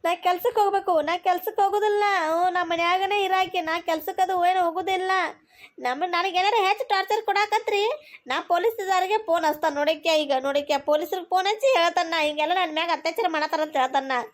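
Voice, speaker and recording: A woman's voice: extremely high pitch, fast. A woman with a Belagavi Kannada accent voicing a young, aggrieved daughter-in-law who complains tearfully in a cartoon comedy. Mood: complaining.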